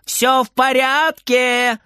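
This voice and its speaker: A small, excitable boy who whines, yells and sobs, his voice jumping very high and swinging wildly, as a man reading a storybook acts him out. The sound is close and dry. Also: measured pace, no room sound. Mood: excited. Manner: whiny, shouting, sobbing.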